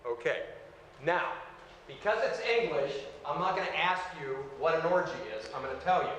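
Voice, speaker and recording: A man teaching a Bible lesson in short phrases, pausing so an interpreter can translate. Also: on the high side, a bit bright. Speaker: seminary teacher. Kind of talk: bible lecture through an interpreter. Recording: echoey hall with faint room noise.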